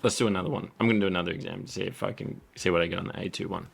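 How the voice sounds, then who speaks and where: Man, low voice, gravelly, learner sounding out phrases, repeats himself. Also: fairly even intonation, racing, faint music behind. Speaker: language learner. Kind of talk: practicing phrases aloud.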